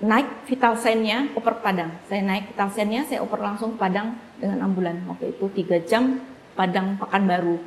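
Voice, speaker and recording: A woman telling a family story in a casual interview, acting out the dialogue in lively voices. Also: medium pitch, brisk. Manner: animated, acts out quoted dialogue. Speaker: guest sharing a family case story. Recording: echoey room with faint background noise.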